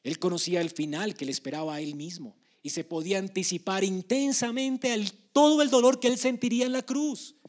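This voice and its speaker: Man, preacher, high voice, sermon, emphatic, hushed to loud swings. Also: fairly quick, hardly any pauses.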